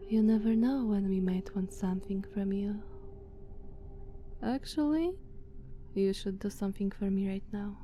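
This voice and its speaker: A woman with a mellow, mid-range voice and a Slavic accent plays a haughty, dominant ancient vampire in an ASMR roleplay. She sounds disdainful, condescending and commanding, sometimes slipping toward a whisper. There's slight background noise.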